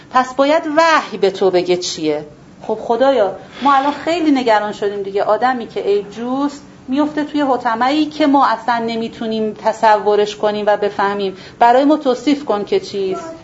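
A woman teaching a Quran class to students, asking herself rhetorical questions and repeating words for emphasis. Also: mid-range voice. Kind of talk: explanatory religious lesson to a class. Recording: dull lo-fi recording with faint background noise.

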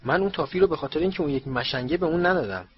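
A man's voice: fairly high pitch, expressive, pitched above the performer's own voice, lightly acted. A man doing a gleeful teenage prankster. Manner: gleeful, quick. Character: cheerful teenage prankster wizard boy. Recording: slightly dull recording, faint hiss.

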